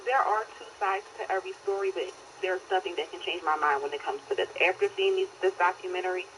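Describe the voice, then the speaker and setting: A woman's voice: fairly low pitch, wildly swooping pitch, quick pace, a bit bright, a little hiss or hum. A blunt woman of twenty-nine from the Philadelphia area, calling in to a talk show over a bluetooth headset phone line that keeps dropping out. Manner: blunt, emphatic opinions. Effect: phone call through a bluetooth headset, dropping out. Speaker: caller. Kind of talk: call-in radio chat.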